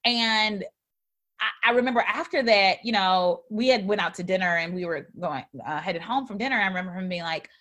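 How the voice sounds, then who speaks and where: A woman co-hosting a podcast in casual conversation, rambling with frequent fillers and restarts, and getting animated and expressive when she tells a story. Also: medium pitch, brisk.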